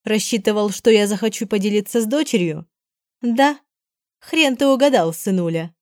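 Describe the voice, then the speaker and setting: A woman's voice: medium pitch, normal speed, a little mellow, dry recording, studio quality, pitched above the performer's own voice, lightly acted. A woman voicing a cold, mocking, middle-aged mother who sneers at her daughter in an audiobook. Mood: sneering. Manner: sneering, sarcastic.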